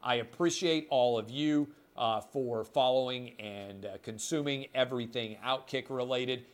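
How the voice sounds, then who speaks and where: Middle-aged male podcast host, mid-range pitch, emphatic, indignant, sarcastic asides. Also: a little slow. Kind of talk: solo opinion podcast monologue.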